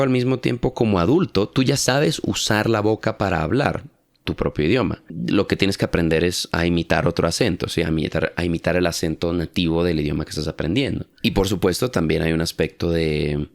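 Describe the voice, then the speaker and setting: A man's voice: low voice, dry recording, clean studio sound. A young Colombian man explaining casually in a rambling, self-correcting monologue with frequent tag questions. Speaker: language-learning YouTuber.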